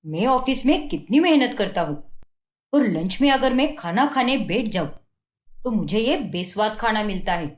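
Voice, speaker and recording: A woman's voice: medium pitch, lively intonation, normal speed, close to an everyday voice. Cartoon husband, young and scornful, always finding fault, played by a woman; echoey room. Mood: scolding. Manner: scolding, belittling. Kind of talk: cartoon story voice acting.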